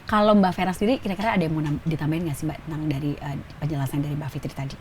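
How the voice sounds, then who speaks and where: A woman hosting a casual talk show, lively and chatty, laughing often as she asks questions. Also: low-pitched, rapid-fire, a little hiss or hum. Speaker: host.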